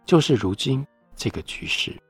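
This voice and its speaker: A man reading the lines of a weary, despairing Japanese man in a postwar love story, in a flat, cold, resigned voice. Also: mid-range voice, normal speed, slightly rough, dry recording, soft background music, pitched above the performer's own voice.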